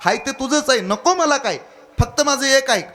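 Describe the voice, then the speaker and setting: A man voicing a gentle old village mother. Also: very high-pitched, expressive, normal speed, pitched above the performer's own voice, exaggerated voice. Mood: tender. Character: elderly village mother, gently testing her grown son. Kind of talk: kirtan storytelling.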